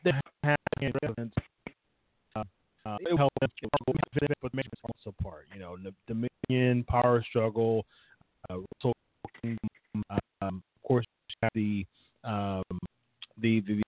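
This caller talks wrestling in a loose, rambling way, packing his speech with fillers like "uh" and "you know." He has a lowish voice, a moderate pace and long pauses. The dry, thin phone line drops in and out, with slight background noise.

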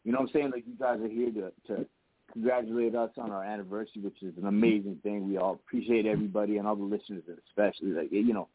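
A man's voice: lowish voice, fairly even intonation, quick pace, no room sound. A man co-hosting a casual group voice chat, talking in affirming slang full of "yo" and "man". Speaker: co-host of a music show. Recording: narrow-band, dry online voice chat.

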